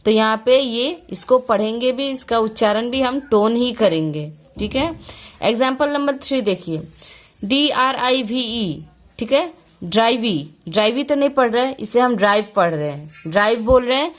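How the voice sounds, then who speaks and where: A woman teacher, patiently explaining pronunciation rules, repeating each point and spelling out letters slowly. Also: a little high, animated. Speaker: English teacher.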